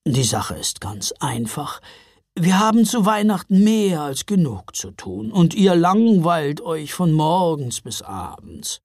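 A calm, kindly old Father Frost speaking slowly and warmly, as a woman reading a storybook puts him on. The voice sits low and unhurried, with a husky touch. It is close and dry. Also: no echo, exaggerated voice. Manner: slow, friendly.

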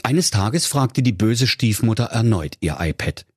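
Male storyteller, mock-solemn comic fairy-tale reading; lively melodic delivery, dry. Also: on the low side, unhurried, husky, no echo.

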